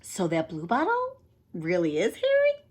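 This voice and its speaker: A woman's voice: mid-range voice, huge pitch swings, unhurried. A woman voicing a puzzled young girl asking incredulous questions in a read-aloud story.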